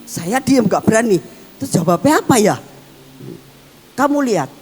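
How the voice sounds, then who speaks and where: A woman pastor, preaching a sermon as emotive storytelling that swings between excited and hushed. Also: on the high side, normal speed. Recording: long hall reverb with faint music.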